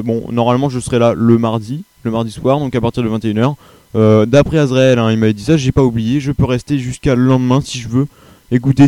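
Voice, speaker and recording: A man's voice: mid-range voice, warm tone, clear, resonant tone, no echo. Hesitant young man hosting web radio. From France. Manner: hesitant, many fillers and restarts. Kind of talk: casual live radio chat.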